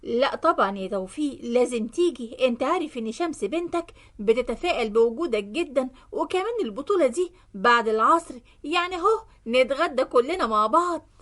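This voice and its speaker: A woman plays a jealous middle-aged Egyptian wife who presses her husband firmly. The voice is high and insistent. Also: lively intonation, brisk, a bit bright. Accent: Egyptian Arabic.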